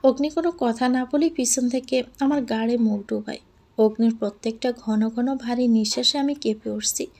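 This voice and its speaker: Mellow woman reading a love story. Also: fairly high pitch, normal speed. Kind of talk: first-person audio story narration.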